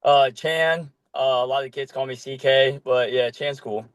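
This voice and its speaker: A man's voice: medium pitch, a little slow, smooth, no room sound. Guest, young man, loose and easygoing, lots of filler, dry close sound. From Korea. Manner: relaxed, loose, with many ums and casual swearing. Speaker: podcast guest, flag football player. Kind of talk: casual chat.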